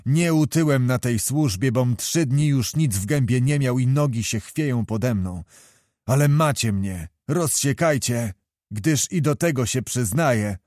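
A man's voice: mid-range voice, warm tone, dry recording, studio quality, natural voice. A man voicing a grim, exhausted male soldier who stayed loyal to his fallen lord. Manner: grim, heavy delivery.

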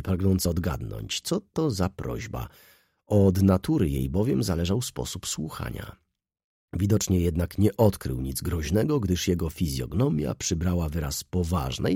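A man with a low, gravelly voice narrates a classic novel. His tone is husky and rough, and his reading is measured and expressive. The close mic gives the sound a dry, close feel. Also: no echo. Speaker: audiobook narrator. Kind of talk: scripted literary narration.

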